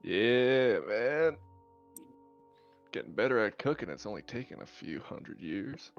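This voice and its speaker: A man narrating a tabletop game as game master, with dry, relaxed delivery. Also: medium pitch, a little slow, lo-fi sound, soft background music.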